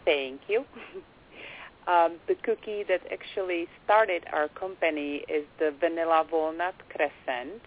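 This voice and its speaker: A young woman from the Czech Republic with a Czech accent, a quiet, soft-spoken guest on a radio interview who hesitates often with fillers. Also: low voice, measured pace. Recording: phone-like band, faint hiss.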